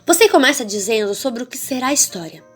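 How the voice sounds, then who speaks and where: A woman with a Brazilian accent teaching an online course for children's ministry teachers, expressive and speaking straight to the viewer with frequent check-ins. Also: on the high side, fast talker, slightly rough, soft background music. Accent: Brazilian Portuguese. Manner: demonstrates varied, theatrical intonation.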